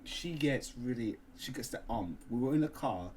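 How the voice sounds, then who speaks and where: A man with a Cockney accent chats on a podcast, his pitch swinging up and down as he tells stories. He jokes constantly and laughs a lot, with faint background ambience. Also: moderate pace, a little hiss or hum. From London. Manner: jokey, laughs often, lively storytelling. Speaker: podcast co-host. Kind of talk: casual chat.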